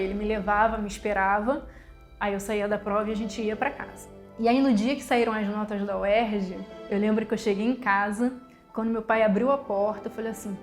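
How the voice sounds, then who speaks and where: A woman, telling her own life story in a heartfelt, conversational way, often checking in with "you know?". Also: medium pitch. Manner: heartfelt storytelling, quotes family, tag questions like "sabe?" and "né?". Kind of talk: personal testimony.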